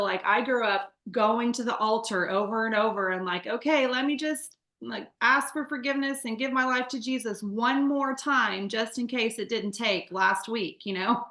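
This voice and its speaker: A Midwestern American woman in her forties tells her life story as an interview guest, candid and chatty, with plenty of fillers and restarts. Her voice is medium-pitched, bright and forceful. The recording has a roomy sound.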